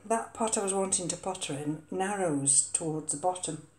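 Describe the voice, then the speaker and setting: A woman's voice: lowish voice, moderate pace, reverberant, over loud music. An older woman chatting casually about potting an orchid in her kitchen, hesitant with many ums and uhs. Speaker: orchid vlogger. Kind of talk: casual chat while potting a plant. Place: home kitchen.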